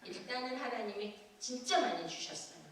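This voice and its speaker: A woman pastor preaching a sermon, telling a personal testimony with lively acted-out scenes and frequent laughter. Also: fairly high pitch, a little fast, a little hiss or hum. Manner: animated testimony storytelling, acting out scenes, laughing often. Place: church sanctuary. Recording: echoey church from far off.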